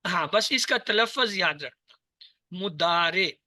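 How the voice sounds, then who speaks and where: Slow, bright-voiced male teacher drilling words. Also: high voice, no room sound, clean studio sound. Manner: drills word forms in slow repetition. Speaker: Arabic teacher. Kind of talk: online class lesson.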